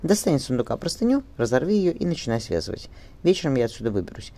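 A man's voice: medium pitch, big pitch swings, fast, dark tone. A man reading an audiobook and voicing a resolute young mother, firm and tender with her daughter, his voice raised somewhat. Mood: determined.

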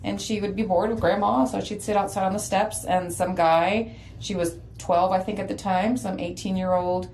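A woman's voice: medium pitch, steady tone, moderate pace, gravelly, a little mellow, a little hiss or hum, rough recording. A woman in her forties, from Texas, co-hosting a podcast in casual chat and talking in a loose way with many fillers and restarts. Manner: conversational, with many fillers and self-corrections. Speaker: podcast co-host.

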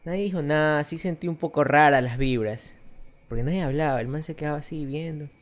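A young man with an Ecuadorian accent, co-hosting a podcast and telling a story in casual chat, animated and quick to laugh. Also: a little high. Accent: Ecuadorian Spanish. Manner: animated, laughs often, acts out quoted voices. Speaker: podcast co-host.

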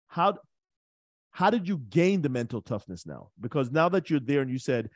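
A man hosting a podcast who asks his guest questions in an earnest, halting way, often restarting his sentences. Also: mid-range voice, sing-song, dry recording. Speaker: podcast host. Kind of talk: casual interview chat.

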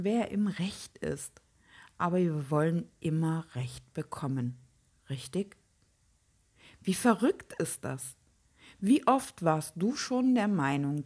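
A woman hosting a reflective podcast, speaking softly and slowly, often dropping to a whisper. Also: medium pitch. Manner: slow, soft and breathy, with hushed whispered passages. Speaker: podcast host.

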